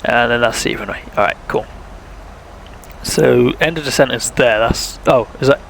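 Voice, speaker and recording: A man's voice: mid-range voice, normal speed, creaky, slight background noise, poor audio. A young man, chatting casually while streaming a flight sim, thinking aloud and talking to viewers, with a sore throat. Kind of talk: casual live-stream commentary.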